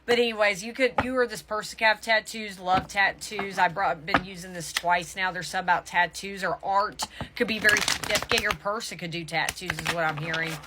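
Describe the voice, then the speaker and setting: A woman's voice: mid-range voice, steady tone, heavy background noise. A woman giving a casual tarot reading to viewers, speaking emphatically and often stopping to correct herself mid-thought. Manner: emphatic, halting and self-correcting. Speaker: tarot reader.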